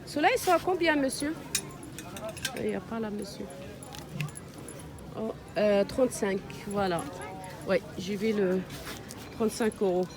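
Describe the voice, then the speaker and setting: A woman's voice: mid-range voice, measured pace, long pauses. A woman with a North African Arabic accent in French, chatting casually as she vlogs around an outdoor market. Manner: chatty, switching between French and Maghrebi Arabic. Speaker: vlogger showing market clothing stalls. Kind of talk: casual vlog chat. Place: outdoor seaside street market.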